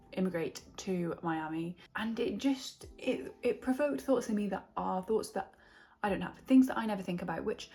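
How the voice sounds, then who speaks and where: A woman's voice: medium pitch, darkish tone. A young woman from Wales giving a chatty, thoughtful book review in a casual reading vlog, often trailing off and restarting her thoughts. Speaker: book vlogger.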